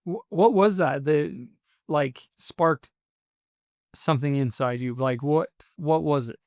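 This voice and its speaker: Podcast host, halting questions, smooth clear tone, dry close sound. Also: medium pitch, a little mellow, dry recording. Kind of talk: casual interview questions.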